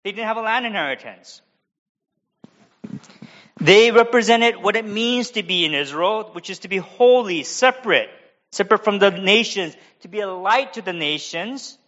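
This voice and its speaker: A high-pitched man delivers an expository sermon in an American accent, moving from careful explanation into relaxed, chatty asides. The recording is muffled and lo-fi. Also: normal speed. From United States. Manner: expository preaching, conversational asides. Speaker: pastor.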